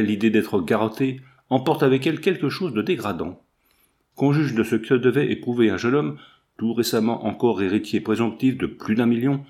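A man reading a classic adventure novel aloud as an audiobook narrator, measured and even. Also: mid-range voice. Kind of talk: scripted narration.

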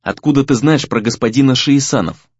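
A man's voice: medium pitch, a little fast, breathy edge, no echo, dull audio, close to an everyday voice. A man voicing a grim, vengeful young male spell-caster who speaks curtly, harshly and dryly in an audiobook. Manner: curt, harsh and dry.

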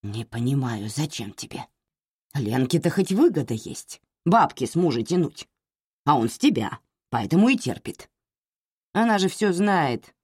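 A woman's voice: low voice, big pitch swings, measured pace, darkish tone, slightly rough, no room sound, exaggerated voice. A woman voicing a stern, blunt older mother who scolds her grown daughter in a dry, curt way. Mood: scolding.

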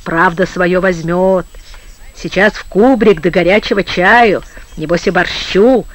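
A man's voice: high-pitched, measured pace, fairly bright tone, dry recording. A man reading an audiobook, voicing a tipsy, talkative sailor who mutters cheerfully. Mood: muttering. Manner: mumbling, chatty.

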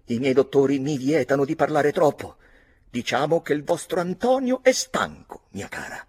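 A man's voice: on the high side, big pitch swings, moderate pace, a little mellow, breathy edge, voice pushed up. A man playing a wounded young nobleman who answers with weary mockery. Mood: sneering. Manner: mocking, sardonic.

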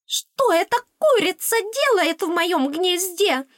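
A tiny, bratty tooth fairy squeals in a shrill, squeaky voice that sits far above an ordinary speaking pitch. She snaps back in a grumpy, cheeky way, and the dry, close recording carries no room sound. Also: very animated, takes it slowly, no room sound, heavily acted. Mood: indignant. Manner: bratty, snappish. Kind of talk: audiobook character voice.

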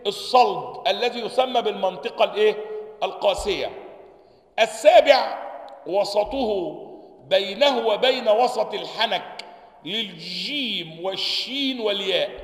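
A high-pitched man with an Egyptian accent gives a religious lesson, reading a classical text and explaining each letter's point of articulation. He sounds out the letters himself and keeps asking his listeners whether they follow. The voice rings with the long reverb of a big, echoey hall. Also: measured pace. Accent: Egyptian Arabic. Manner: checks understanding with repeated questions; demonstrates letter sounds aloud. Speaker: sheikh teaching Quran sciences.

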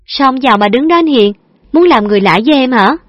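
A woman's voice: sits high, animated, fast, dry recording, pitched above the performer's own voice. Woman doing a bubbly, teasing young daughter. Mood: affectionate. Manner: chirpy, coaxing, bubbly. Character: lively, affectionate young woman, playful and teasing. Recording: dull lo-fi dry recording.

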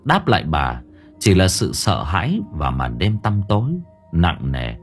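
A man's voice: low-pitched, measured pace, soft background music. A man narrating a horror story in a dramatic, suspenseful audiobook style. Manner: expressive, suspenseful.

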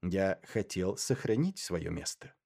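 A man reading first-person literary narration in a measured, dry and ironic way. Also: low-pitched, animated, gravelly, a little mellow. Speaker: audiobook narrator.

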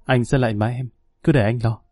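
A man's voice: medium pitch, lively intonation, fairly quick, mellow, no room sound, studio quality, close to an everyday voice. A man voicing a restrained young man who pleads and holds back his anger. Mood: pleading. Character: young man, patient but pushed too far.

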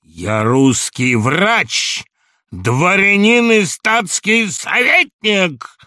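A man's voice: sits low, wildly swooping pitch, slow, creaky, warm tone, slightly rough, dry recording, studio quality, pitched below the performer's own voice, full character voice. A man voicing a middle-aged army doctor, irritable but kind-hearted, with a voice that trembles when angered, as in an audiobook. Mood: indignant. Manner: blustering, trembling voice when angry. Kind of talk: audiobook reading.

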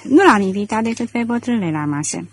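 O femeie citind un gentleman-hoț mândru. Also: medium pitch, lively intonation. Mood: teasing. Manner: proud, ironic and self-assured. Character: elegant, boastful gentleman thief, man. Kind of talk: audiobook character reading.

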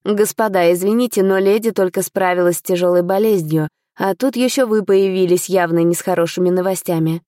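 A woman's voice: on the low side, dark tone, dry recording, studio quality, lightly acted. Woman voicing a commanding male estate manager. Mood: stern. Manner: commanding, measured. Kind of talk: audiobook character reading.

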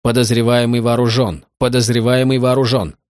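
A man's voice: medium pitch, little pitch movement, brisk, darkish tone, no room sound, clean studio sound, natural voice. A man voicing a firm female police detective in an audiobook, giving clipped commands. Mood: commanding. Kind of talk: audiobook character voice.

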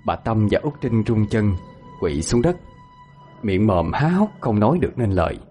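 Man narrating a ghost story, lively pitch. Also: soft background music. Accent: Southern Vietnamese. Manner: slow, suspenseful.

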